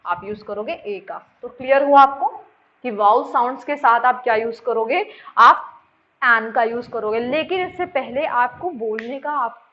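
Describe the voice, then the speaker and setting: A woman's voice: a little high, moderate pace. A woman teacher explaining grammar in a lesson, repeating points and quizzing her students with questions. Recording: dull lo-fi sound.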